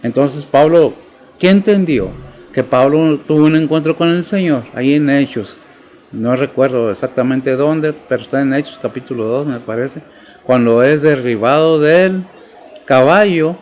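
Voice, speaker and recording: A man's voice: medium pitch, measured pace, a little mellow. Man preaching a sermon. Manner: preaching with questions to the congregation. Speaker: pastor.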